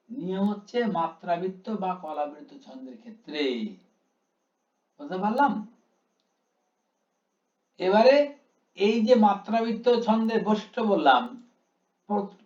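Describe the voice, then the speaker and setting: High-voiced man teaching in an echoey room. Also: a little mellow. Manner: explains step by step, drawing out syllables to show their length. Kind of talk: classroom lecture. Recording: echoey room, dull lo-fi sound.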